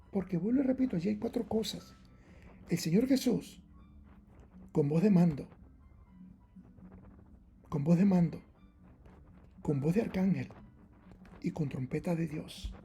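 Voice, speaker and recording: A man's voice: sits high, gravelly, warm tone, a little hiss or hum. A man preaching a Bible-teaching sermon, emphatic and argumentative, repeating his key points again and again. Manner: argumentative, challenges rival readings.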